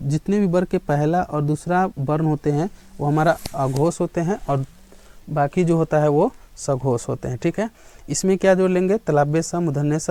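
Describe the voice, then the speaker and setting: A male teacher giving a grammar lesson in a classroom style, often pausing to check in and asking questions that he then answers himself. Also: fairly high pitch, mellow. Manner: checks in with students again and again, asks and answers his own questions.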